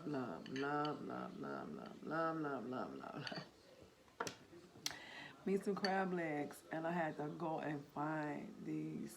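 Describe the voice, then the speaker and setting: Female mukbang host, unhurried casual talk, loud smacking and slurping, noisy recording. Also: deep voice. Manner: chewing noisily, smacking and slurping. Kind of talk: casual mukbang chat while eating. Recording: clearly noisy background.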